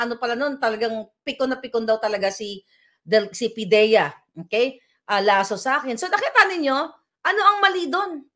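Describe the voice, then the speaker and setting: A high-voiced middle-aged woman rants to her viewers from home, peppering her talk with rhetorical questions. Her tone is bright and sharp, and she pushes her points hard. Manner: combative, rhetorical questions, Taglish. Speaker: political vlogger. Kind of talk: heated political commentary vlog. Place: at home indoors.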